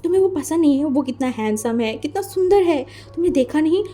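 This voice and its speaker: A woman's voice: high-pitched, animated, dark tone, pitched above the performer's own voice. Woman voicing a coaxing, pleading mother. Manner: coaxing, quick persuasive talk.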